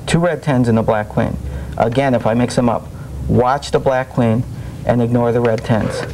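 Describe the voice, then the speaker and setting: A man's voice: fairly even intonation, normal speed, darkish tone. Young man with shell game hustler patter. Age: young adult. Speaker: magician demonstrating street swindles as a guest. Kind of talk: demonstration patter and explanation. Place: small TV studio set, indoors, at a table. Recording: noisy old videotape with low rumble.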